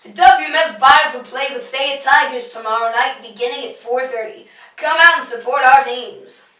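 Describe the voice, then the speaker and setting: A woman's voice: high voice, moderate pace, sharp tone. Echoey school intercom announcer, young female. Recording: echoey, distant school intercom sound, music behind.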